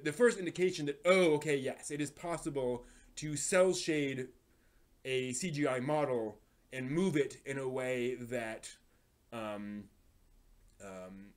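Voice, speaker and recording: A man with a mid-range voice hosts a casual anime live stream, thinking aloud and wandering onto tangents as he chats with viewers.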